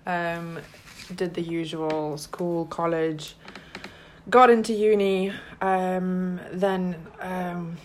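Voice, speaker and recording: A woman in her thirties from Lithuania, a native Lithuanian speaker, talks as a guest in a casual interview. Her voice sits a little low, and her delivery is earnest and hesitant, full of fillers. A faint hiss of noise lies under her voice. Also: level tone, drawn-out words. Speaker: business founder, guest.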